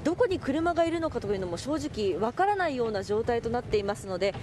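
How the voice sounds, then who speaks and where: A woman's voice: fairly high pitch, very animated, fast. A woman working as a field reporter, giving an earnest, urgent live weather report. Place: outdoors in a snowstorm, also in a car. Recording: faint wind and traffic noise.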